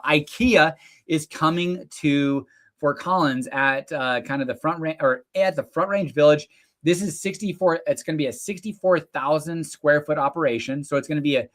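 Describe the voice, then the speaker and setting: A man's voice: fairly high pitch, fairly bright tone. A middle-aged man from Northern Colorado hosting a live local news and real estate show, talking in a rambling, casual way with lots of fillers and restarts. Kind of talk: casual live-stream monologue.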